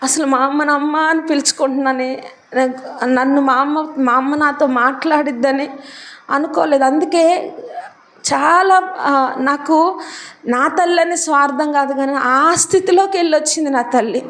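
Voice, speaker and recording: A woman's voice: high-pitched, steady tone, normal speed, fairly bright tone. A woman preacher, giving a sermon that mixes personal testimony with emphatic, repeated declarations.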